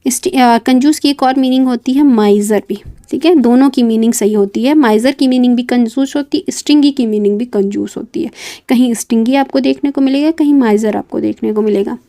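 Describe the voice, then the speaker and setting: In this vocabulary lesson, a woman teaches English words by spelling them letter by letter and restating each meaning. Her voice sits on the high side, brisk and warm, and she drops short fillers and checks between words.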